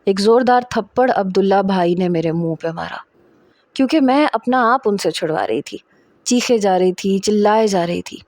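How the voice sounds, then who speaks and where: Woman reading a love story out loud, all emotional and dramatic, mellow tone, super dry close mic. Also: medium pitch, dry recording. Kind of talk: first-person story narration.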